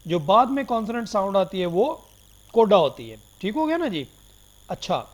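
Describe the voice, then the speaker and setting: High-voiced man giving a slow lecture. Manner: explains slowly, mixing English terms into Urdu; addresses listeners politely as "janab" and "dear students". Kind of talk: recorded phonology lecture.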